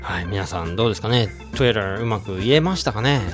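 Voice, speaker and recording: A man's voice: lowish voice, animated, fairly quick. A man co-hosting a casual pronunciation lesson, chatting and asking questions. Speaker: co-host. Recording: music in background.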